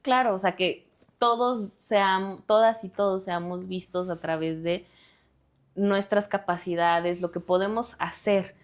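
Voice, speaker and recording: Earnest Mexican woman speaking directly. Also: lowish voice. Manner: earnest, direct, appealing to listeners. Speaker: lawyer and activist guest. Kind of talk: podcast interview.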